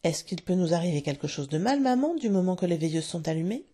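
A woman's voice: lowish voice, lively intonation, fast talker, dark tone. A woman reading a storybook aloud, voicing a small boy in a plaintive, childlike way. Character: small boy, sulky then clingy.

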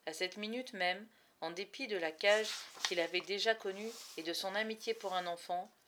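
A woman narrating a storybook in expressive, measured phrases with dramatic pauses. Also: medium pitch, noisy background. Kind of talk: storybook reading.

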